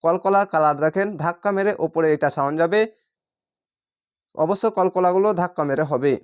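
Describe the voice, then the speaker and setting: Quran teacher, clear resonant voice, slow drawn-out recitation then plain patient explaining. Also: mid-range voice. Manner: patient, repeats each word slowly then explains rules; chants Arabic words in drawn-out recitation tone. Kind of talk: word-by-word recitation lesson.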